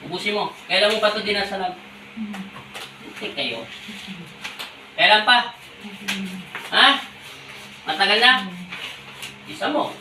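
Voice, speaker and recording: A man's voice: high-pitched, normal speed, long pauses, noisy background. A man working as a folk healer who scolds and interrogates during a healing ritual, barking repeated commands. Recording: echoey room from far off.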